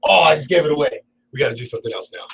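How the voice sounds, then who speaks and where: A man's voice: fairly high pitch, rapid-fire, gravelly, a bit bright, husky, poor audio. A man hosting a radio talk show, rambling and laughing often through casual on-air banter in the studio. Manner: rambling, laughs a lot, playful.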